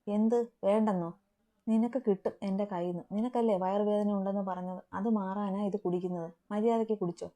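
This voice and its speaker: A woman voicing a caring, bossy young husband in a romantic audio story, gruffly teasing and affectionate. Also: medium pitch, fairly even intonation, fairly quick, warm tone, natural voice.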